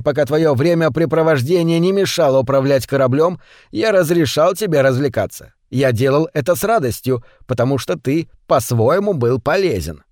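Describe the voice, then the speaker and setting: A man's voice: on the high side, darkish tone, no room sound, clean studio sound, close to an everyday voice. A man voicing a calculating male ship captain who speaks in a cold, condescending way.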